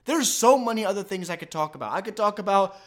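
A man's voice: sits high, expressive, quick pace. A man hosting a sports podcast, ranting emphatically and with exasperation about his team's loss. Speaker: podcast host. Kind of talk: fan sports commentary podcast.

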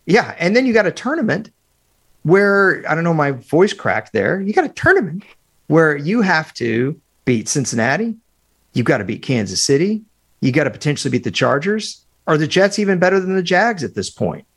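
A man co-hosting a sports betting podcast over a remote call, talking in animated, opinionated bursts with many fillers. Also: on the high side, normal speed, slightly rough. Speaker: podcast co-host, football analyst. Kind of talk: casual sports podcast chat.

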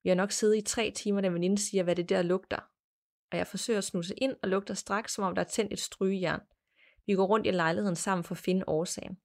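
Woman, podcast host, reading a listener's ghost story aloud, measured plain delivery, mid pitch. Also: steady tone, creaky, darkish tone.

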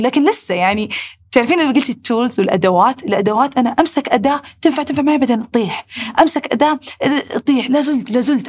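A woman with a Saudi accent hosting a heartfelt talk, reflecting aloud in rushed bursts. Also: a little high, slightly rough. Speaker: podcast host.

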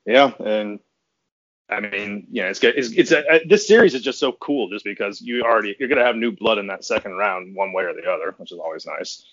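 A man as a guest on a casual sports podcast, talking in an excited, rambling way. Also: fairly low pitch, brisk. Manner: rambling and giddy, with frequent restarts and laughs. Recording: slightly dull lo-fi audio.

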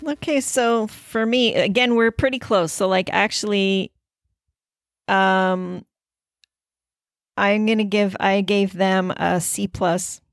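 A woman's voice: medium pitch, steady tone, takes it slowly, no echo, clean studio sound. A woman chatting casually as the co-host of a sports podcast. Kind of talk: casual chat.

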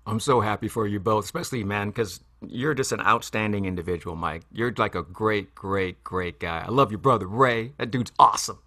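A man's voice: on the low side, brisk, few pauses, pushed and bright, no echo, clean studio sound. A man hosting a podcast, thanking his guest with effusive praise. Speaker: podcast host.

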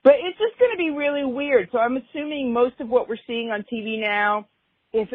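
A woman's voice: on the high side, brisk, no room sound. A woman co-host talks in loose, rambling chat, with wry asides about herself. Her voice comes through a thin, phone-like line. The sound is dry, with no room around it. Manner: chatty, rambling, self-mocking asides. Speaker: podcast co-host. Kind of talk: casual chat.

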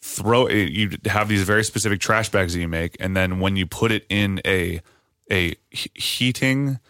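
A man's voice: low voice, moderate pace, a bit bright, clean tone, dry recording, clean studio sound. A man hosting a podcast in casual chat, rambling through ideas with restarts and frequent swearing. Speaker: podcast host.

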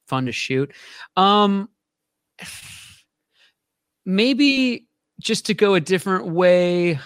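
A man's voice: sits high, big pitch swings, extremely slow, fairly bright tone, smooth, dry recording, clean studio sound. A man, an actor, chatting casually as a guest on a radio show, in a rambling, easygoing way and laughing often. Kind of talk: casual radio interview chat.

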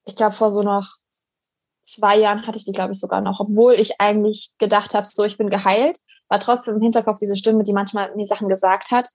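A young woman speaking as a podcast guest, talking earnestly and reflectively, with frequent pauses and restarts. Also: medium pitch, level tone, darkish tone, dry recording. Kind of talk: casual interview conversation.

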